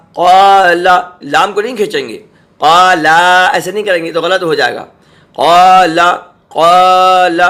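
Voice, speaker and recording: A man gives a Quran reading lesson in a bright, clear, somewhat high voice. He spells out letters and syllables slowly, stretches the vowels, and keeps asking whether the students understand. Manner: patient, repeats syllables slowly and drawn out; checks in with "samjhe?" and "theek hai".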